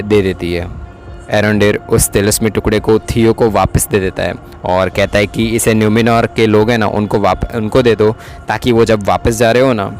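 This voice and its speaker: Low-voiced man casually retelling a plot. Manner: chatty retelling with frequent tag questions. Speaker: series recap narrator. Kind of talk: casual Hindi plot recap.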